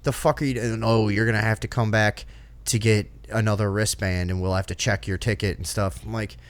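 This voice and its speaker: A man with a lowish voice, talking a little fast, co-hosts a podcast in casual chat. He swears freely and tells a story in an animated, profane way, acting out the people in it with quoted voices.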